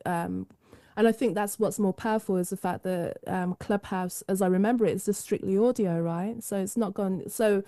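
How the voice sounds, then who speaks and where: A woman's voice: mid-range voice, dark tone, no room sound, studio quality. A woman hosting a podcast interview, thinking aloud with loose, searching phrasing. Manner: musing, many fillers and restarts. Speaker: podcast host.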